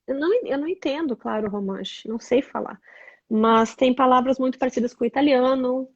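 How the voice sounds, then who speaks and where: A woman's voice: high-pitched, fairly quick, no room sound, dull audio. A woman from southern Brazil, a blogger and tour guide, chatting as an interview guest and explaining things with many tag questions. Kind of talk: casual interview over a call.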